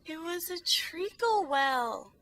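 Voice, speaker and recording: A tiny, drowsy and touchy dormouse, played by a woman, with a very high, bright voice. It rambles along like a storyteller in a homemade audio play. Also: expressive, slow, a little hiss or hum, heavily acted. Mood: defensive, rambling. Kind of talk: amateur student audio drama.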